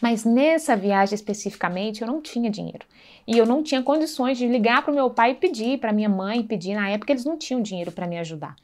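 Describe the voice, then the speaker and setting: A woman's voice: a little high, fast, darkish tone. Earnest woman telling a faith testimony. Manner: earnest, conversational, acts out dialogue, frequent tag questions. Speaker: speaker sharing a faith testimony. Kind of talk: personal testimony storytelling.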